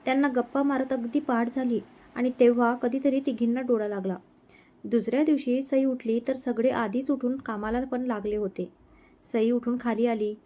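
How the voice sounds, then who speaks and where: A woman narrating a romantic story in a calm, expressive storytelling manner. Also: on the high side, normal speed.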